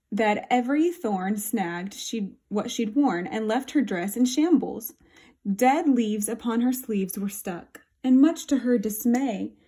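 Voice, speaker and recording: A woman reading a rhyming children's picture book aloud with a rhythmic, expressive delivery. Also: fairly high pitch.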